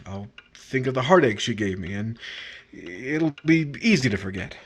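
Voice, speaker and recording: A male actor with a medium-pitched, slightly rough voice plays a brooding, misunderstood husband in a 1950s-style radio romance, wounded and jealous. He speaks at a moderate pace with lively intonation but hesitant delivery, and the mood is brooding and resigned.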